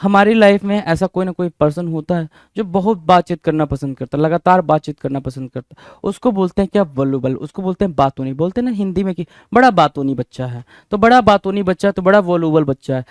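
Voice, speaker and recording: High-voiced animated male vocabulary teacher. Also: fast, few pauses, no echo, studio quality. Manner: animated, repeats words with quiz-like questions. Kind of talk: Hinglish vocabulary lesson.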